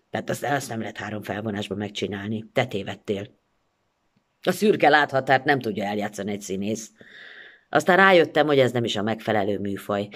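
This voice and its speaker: An actress performs a first-person story as a theatrical recital. Her delivery is expressive, moving between pleading and irony. Her pitch rises and falls in wide, lively swings.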